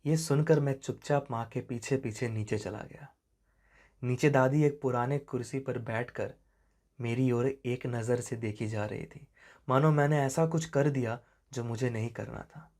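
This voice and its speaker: A man tells a spoken horror story with dramatic, suspenseful narration. His delivery is slow and often falls to a quiet hush at the tense moments. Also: medium pitch, fairly even intonation.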